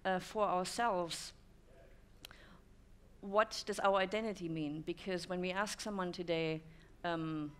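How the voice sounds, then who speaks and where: She speaks unhurriedly in a lowish, steady, clean voice: a German woman in her thirties giving a considered conference talk, peppered with "um" fillers. An audience listens in a dim, stone-walled room.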